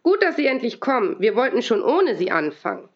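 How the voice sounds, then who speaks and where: A woman reading aloud and voicing a cheerful, cheeky little girl inventor in a bright, excited, quick voice. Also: fairly high pitch. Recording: dull lo-fi recording.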